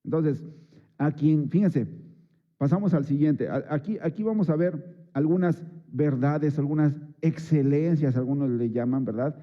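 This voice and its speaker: A man's voice: a little high, measured pace, dull audio. A man preaching a Sunday sermon in a chatty way, with many fillers and rhetorical asides to the congregation. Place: church service.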